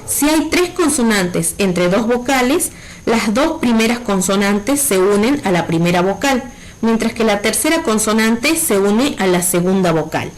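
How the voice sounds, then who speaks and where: A woman's voice: medium pitch, animated, unhurried, poor audio. A woman primary school teacher giving a recorded virtual lesson, explaining patiently and checking in with her pupils.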